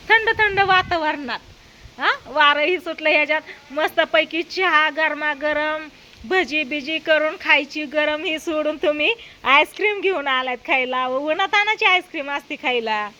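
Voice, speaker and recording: Standing outdoors at a house doorway in wind and rain, a vlogger talks casually and sings out to coax her pets, with faint weather noise in the background. She sounds high, bright and forceful at a moderate pace, over poor audio.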